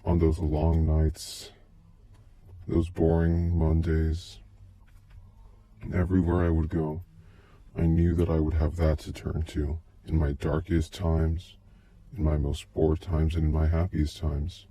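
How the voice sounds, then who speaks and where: A man's voice run through a voice changer that drops it extremely deep, leaving it dark and muffled. He speaks in a slow, halting, brooding way and barely moves in pitch, like someone confessing onto a tape. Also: level tone. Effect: deep pitch-shifting voice changer. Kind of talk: first-person scripted narration of a recorded tape.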